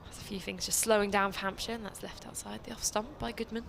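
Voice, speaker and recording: A woman's voice: mid-range voice, steady tone, quick pace, vocal fry, a bit bright, a little hiss or hum. A woman commentating live on a cricket match, calling the play and trading jokey banter with her co-commentator. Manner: chatty, joking banter between calls of play.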